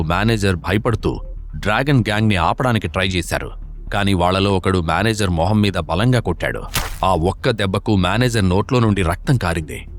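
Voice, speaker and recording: A man narrating an action audio series in a vivid, dramatic storytelling way. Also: deep voice.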